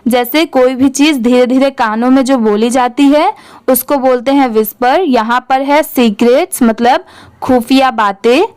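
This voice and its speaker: Patient woman teacher, slow and deliberate, high voice, walks through spellings letter by letter. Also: darkish tone, clear, resonant tone, dry recording. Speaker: English reading teacher. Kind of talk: spelling out and reading English words.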